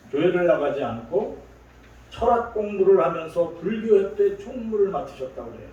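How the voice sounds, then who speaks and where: A man's voice: a little high, a little mellow, highs cut off. A man preaching a sermon as pastor, telling stories and acting out the people in them. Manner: storytelling, acts out quoted voices. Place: large church sanctuary. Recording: echoey hall from far off.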